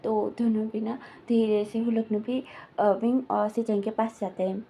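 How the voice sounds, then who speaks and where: Soft-voiced woman retelling a story. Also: on the high side, level tone, moderate pace, creaky, a little hiss or hum. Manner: rambling, filler-heavy narration with quoted dialogue. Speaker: fan fiction storyteller. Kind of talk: casual retelling of a fan story.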